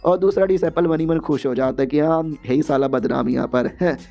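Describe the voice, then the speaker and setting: Man, slightly high, mellow voice, slangy comic recap, dull recording with faint music. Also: brisk, gravelly. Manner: slangy, joking, chatty. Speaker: story recap narrator. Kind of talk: casual comic story recap.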